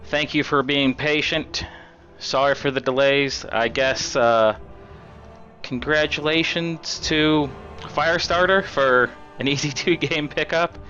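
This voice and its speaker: A man with a raspy voice giving casual, chatty live commentary on a game as an esports caster. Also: fairly high pitch, fairly even intonation, slow pace, sharp tone, dull audio, soft background music. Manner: casual, chatty play-by-play with fillers.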